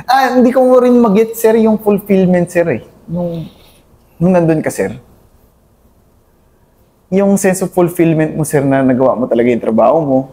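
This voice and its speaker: Earnest, deferential man with a dark voice. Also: high-pitched, expressive, normal speed, long pauses. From Philippines, Cavite. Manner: deferential, adds "sir" to nearly every phrase; earnest, mixes English into his talk. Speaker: army officer guest. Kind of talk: candid interview talk.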